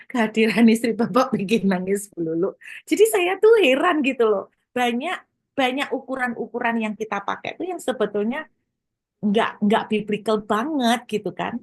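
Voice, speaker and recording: Lively woman pastor, dry close sound. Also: medium pitch, dry recording. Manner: lively, asks listeners questions, plays out little scenes; mixes in English words. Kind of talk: conversational sermon to a congregation and online viewers.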